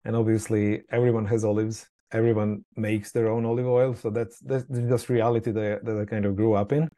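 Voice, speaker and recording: A man's voice: fairly low pitch, level tone, a little fast, mellow. A man from Croatia, a company founder being interviewed, talking casually with many repeated words and fillers. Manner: hesitant, frequent word repeats and fillers. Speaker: skincare company founder, guest.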